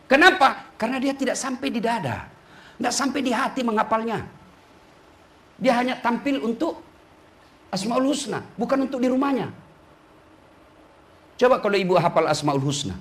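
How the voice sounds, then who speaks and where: A middle-aged man preaching a humorous sermon to women, teasing his listeners and slipping into slow sung quotes. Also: very high voice, lively intonation. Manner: joking, teasing the audience.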